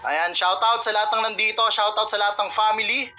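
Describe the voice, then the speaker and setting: Bright-voiced hype emcee man. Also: high voice, fairly even intonation, brisk. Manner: hyped, gives shoutouts and countdowns. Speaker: battle host. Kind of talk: hype emcee on an online live battle.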